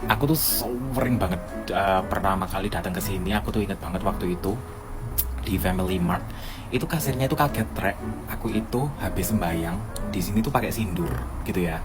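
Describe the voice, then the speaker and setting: A man from Bali, Indonesia, casually telling stories in a chatty, lively way. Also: low voice, a little fast. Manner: chatty, animated retelling with asides. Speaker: vlogger living abroad. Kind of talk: casual storytelling. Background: background music.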